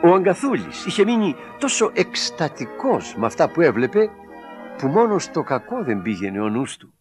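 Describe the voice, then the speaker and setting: A man reading a children's storybook aloud, with expressive, dramatic storytelling. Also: on the high side. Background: background music.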